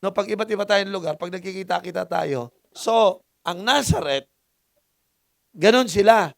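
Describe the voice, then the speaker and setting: A man's voice: high-pitched, moderate pace, creaky, dry recording, studio quality. A middle-aged man from the Philippines with a Filipino accent, preaching a sermon. He mixes in English, asks the congregation for answers and jokes with them. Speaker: pastor. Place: church hall.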